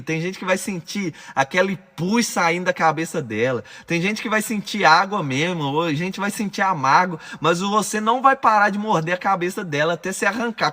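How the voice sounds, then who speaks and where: A man's voice: high voice, pushed and bright. A man with a Brazilian accent guiding listeners through a visualization exercise, giving urgent, commanding directions as a course instructor. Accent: Brazilian Portuguese.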